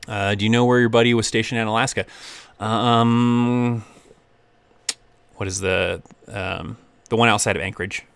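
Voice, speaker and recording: A man's voice: lowish voice, fairly even intonation, normal speed, vocal fry, pauses often, a bit bright, smooth, dry recording. A young man hosting a casual live-stream Q&A, reading viewer questions aloud and rambling through answers with easy laughs.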